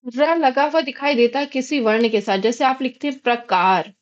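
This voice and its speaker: High-voiced Indian woman teaching grammar. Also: moderate pace, lo-fi sound. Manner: patient, asks and answers her own questions. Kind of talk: explanatory grammar lesson.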